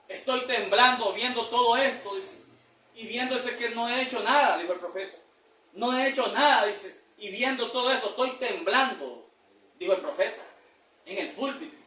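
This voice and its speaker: A man preaching a sermon in a church, reading scripture verses slowly and calling the congregation "brother" again and again. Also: high-pitched, bright, forceful tone. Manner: reads verses slowly, repeats "hermano" often. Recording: echoey church hall from far off.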